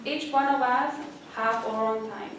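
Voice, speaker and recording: A woman's voice: a little high, unhurried, slight background noise. A woman with a non-native English accent giving an earnest, encouraging speech to fellow students in a library event room. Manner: earnest, encouraging, addresses audience directly. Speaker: student speaker. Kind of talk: inspirational speech. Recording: very echoey room from far off.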